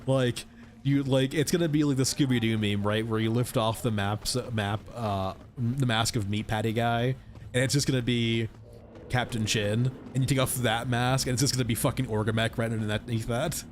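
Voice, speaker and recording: A man's voice: mid-range voice, steady tone, normal speed, slight background noise. A congested man streaming a game, chatting loosely with viewers and rambling as he plays. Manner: rambling, chatty, talks to chat. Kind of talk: casual gaming stream chat.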